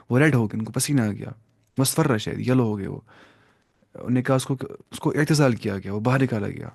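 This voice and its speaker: A man's voice: medium pitch, gravelly, darkish tone, no echo, studio quality. A man teaching a religious lesson in a classroom, explaining step by step, quoting Arabic and mixing in English terms.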